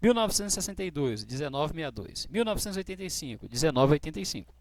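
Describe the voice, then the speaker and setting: A man teaching English dates, who explains patiently and slows right down to model each English phrase. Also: on the high side, very animated, dry recording. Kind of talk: classroom explanation.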